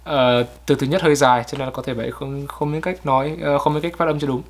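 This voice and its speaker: A man, co-hosting and correcting pronunciation in a casual way, repeating words slowly to model them. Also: medium pitch, steady tone.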